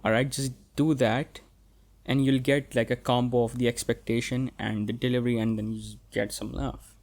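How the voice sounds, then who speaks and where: A man's voice: medium pitch, level tone, moderate pace, darkish tone. Rambling, profane young man. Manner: rambling and profane, many fillers and restarts. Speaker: podcast host. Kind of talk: casual solo podcast monologue.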